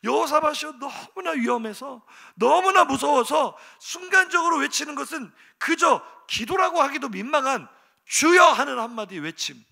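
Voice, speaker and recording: A middle-aged pastor delivers a sermon in a church, his voice high and swinging widely in pitch. A gravelly edge runs under his words as he shifts from hushed asides to sudden loud exclamations. He keeps turning to the congregation with rhetorical questions. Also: moderate pace, hardly any pauses. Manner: animated storytelling with sudden shouted exclamations. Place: church sanctuary.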